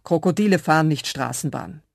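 Brief: a woman doing an officious tram inspector man, loud, insistent, slightly raised pitch. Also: a little fast, creaky, no room sound, clean studio sound. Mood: stubborn. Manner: officious, insistent, louder than the narration. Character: stubborn rule-bound male tram ticket inspector.

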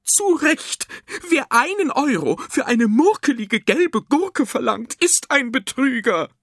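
A man voicing a shrill, cheeky old woman, a cucumber witch in a children's radio story, with a nagging, scolding manner. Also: big pitch swings, measured pace, sharp tone, no room sound, clean studio sound, heavily acted. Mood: indignant.

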